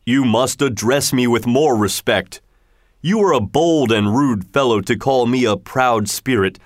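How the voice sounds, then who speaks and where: A man voicing a fierce, vengeful male genie spirit who speaks slowly and sternly, as in a storybook reading. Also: mid-range voice, no room sound, clean studio sound, close to an everyday voice. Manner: slow, stern, commanding.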